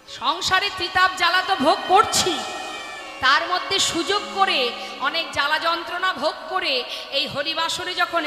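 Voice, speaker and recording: Bengali-accent lady chanting and preaching slow, long hall reverb. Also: very high voice. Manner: slow, earnest preaching to a live gathering. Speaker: kirtan singer and preacher. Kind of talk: devotional chanting and sermon. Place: devotional gathering hall. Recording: echoey hall with music behind.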